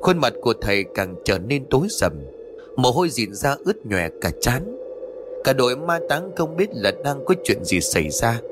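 A man telling a horror story in a scripted, dramatic, expressive way. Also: mid-range voice, moderate pace, over music.

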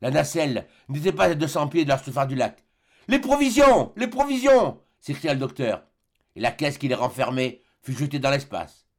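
A man narrating a classic adventure novel as an audiobook, reading dramatically and dropping low and quiet for tense moments. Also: fairly quick.

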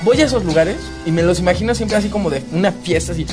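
A podcast host with a Mexican accent and a high voice talks fast in casual, slangy, foul-mouthed comic banter. Music and crowd noise fill the background.

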